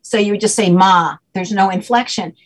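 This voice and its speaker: A mid-range female voice at a moderate pace belongs to a guest explaining a name system. She goes into lengthy detail with patience, repeatedly asking "okay?" to check that the listener follows.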